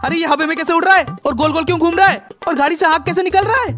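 A man's voice: very high-pitched, rapid-fire, bright, forceful tone. A man voicing a bragging but cowardly young man in a comic game video, yelping in panic. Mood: panicked. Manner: bragging then panicky, yelps in alarm. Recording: background music.

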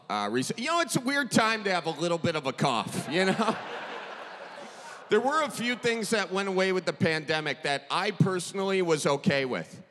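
High-pitched Upper Midwestern stand-up man. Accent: Upper Midwestern American. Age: 30s. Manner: animated, folksy, conversational. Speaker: stand-up comedian. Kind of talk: stand-up comedy. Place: large theater stage before an audience. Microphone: handheld microphone held close. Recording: reverberant theater, faint audience noise.

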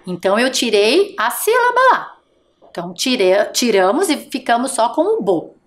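A woman teaching a televised first-grade lesson, speaking slowly and patiently and sounding out letters and syllables for young children. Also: a little high, big pitch swings.

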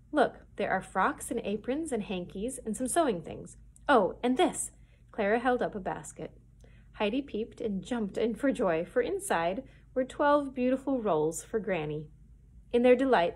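A children's librarian reading a chapter book aloud in a clear, expressive storytelling manner. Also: female voice, medium pitch.

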